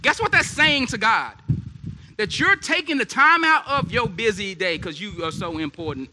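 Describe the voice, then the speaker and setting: A man preaching at a church service in an animated, conversational way, throwing questions out to the congregation. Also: high-pitched, normal speed, noisy background. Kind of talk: sermon. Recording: echoey hall reverb.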